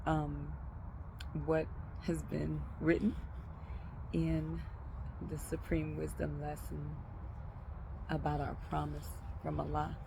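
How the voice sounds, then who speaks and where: A woman speaks slowly and thoughtfully in a reflective spoken talk, often pausing to gather her words. Her voice has a gravelly, creaky edge. Steady vehicle noise runs clearly underneath. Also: sits low. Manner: slow, thoughtful, pausing with frequent ums. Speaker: speaker sharing a religious reflection.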